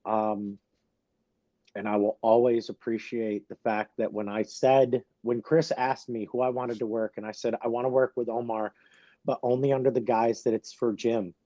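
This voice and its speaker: A man, a wrestler guest on a podcast, telling a story in halting speech full of fillers and restarts, close to tears. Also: mid-range voice, flat delivery, warm tone, no room sound, highs cut off. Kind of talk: emotional podcast interview.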